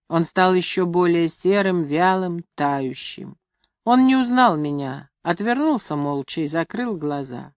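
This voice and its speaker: An audiobook narrator reads a novel in scripted literary narration, keeping a measured, even storytelling manner. Her voice is lowish, recorded cleanly in a studio with no room sound.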